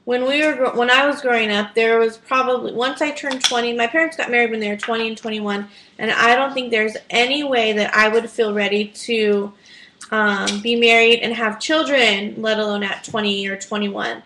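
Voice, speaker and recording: A woman in her late twenties in a casual chat, thoughtful and hesitant, pausing on "um". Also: fairly high pitch, steady tone, sharp tone, slight background noise, low-quality recording. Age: late 20s.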